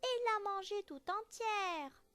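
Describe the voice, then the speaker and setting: Lady putting on a teeny high bear cub voice, tearful little guy, storybook read slow. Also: expressive, fairly bright tone, soft background music, exaggerated voice. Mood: wailing. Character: tiny young male bear cub, tearful.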